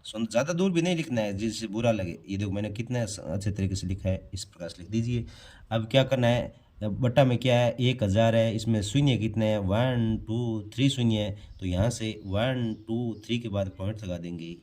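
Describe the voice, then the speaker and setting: A man's voice: lowish voice, normal speed, darkish tone. A man explaining a primary-school math lesson step by step, posing questions and answering them himself. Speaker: math teacher. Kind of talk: classroom-style math lesson explaining on a board.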